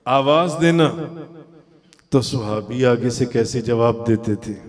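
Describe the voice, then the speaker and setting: A man preaching at a devotional gathering, questioning his audience and chanting verses in a drawn-out singing tone. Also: medium pitch, a little mellow. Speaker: Sufi preacher. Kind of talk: devotional sermon. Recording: long hall reverb.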